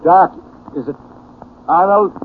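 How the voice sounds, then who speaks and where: An actor playing an anxious, cautious judge in 1940s radio style, urgent and hesitant. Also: male voice, slow, lightly acted. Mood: alarmed. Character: anxious, cautious male judge, companion in danger. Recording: tinny old radio with faint noise.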